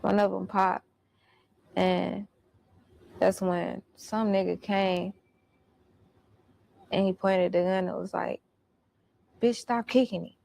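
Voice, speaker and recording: Slow, gravelly-voiced woman telling a story. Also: medium pitch, monotone, a little mellow. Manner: blunt and profane, slangy. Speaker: storyteller recounting her experience. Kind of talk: casual storytelling.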